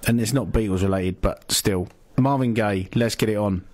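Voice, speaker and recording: A man's voice: lowish voice, normal speed, darkish tone, slight background noise. A man co-hosting a casual music radio show. He talks in loose, rambling bursts, trailing off and restarting mid-thought, with a dry, jokey edge. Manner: rambling, stop-start, jokey. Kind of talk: casual banter.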